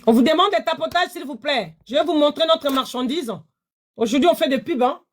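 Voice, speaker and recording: A woman, hosting a live-stream sales pitch from her phone, chatty and repetitive, pleading with viewers. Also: fairly quick. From DR Congo.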